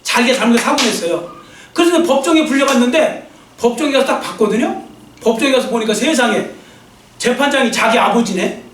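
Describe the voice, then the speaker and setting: Preaching with earnest exhortation in a church sanctuary, a male pastor also leads a prayer and call-and-response. He speaks expressively and briskly in a very high, somewhat bright voice, with slight background noise on an echoey recording from a distant mic.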